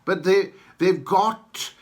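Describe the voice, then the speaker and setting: A Welsh-accented man hosting a podcast, giving an opinionated, halting political monologue with emphatic points. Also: high voice. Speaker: podcast host.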